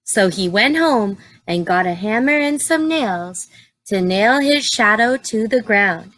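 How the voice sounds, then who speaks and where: A teacher-like woman with a mid-range voice reads from a children's storybook, expressive and unhurried, pausing for easy asides and questions aimed at the little ones listening. There is no room sound in the recording.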